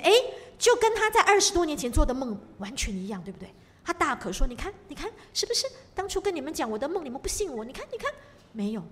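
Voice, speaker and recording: Woman preacher, animated and emphatic, asking the congregation questions; echoing hall. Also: sits high. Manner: emphatic, full of rhetorical questions. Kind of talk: sermon. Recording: long reverb of a hall.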